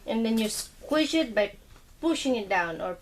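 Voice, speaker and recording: A woman's voice: on the high side, animated, normal speed. A woman playing with her small son at home, talking to him in simple, patient words. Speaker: mother playing with her toddler. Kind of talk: casual home video play. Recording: home video with noise.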